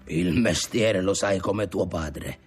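Male reader doing an old fisherman grandfather: gruff, commanding, shouting over the storm. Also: low voice, takes it slowly, soft background music, voice pushed down, heavily acted.

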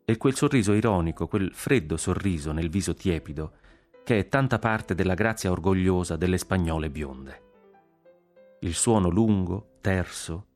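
A man narrating a literary story in a measured, expressive reading. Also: low-pitched.

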